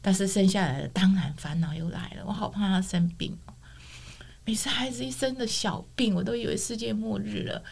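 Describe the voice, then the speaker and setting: A woman's voice: medium pitch, brisk, creaky, breathy edge. A middle-aged woman, telling her personal testimony as a guest and acting out the dialogue she quotes. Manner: expressive storyteller, acts out quoted dialogue.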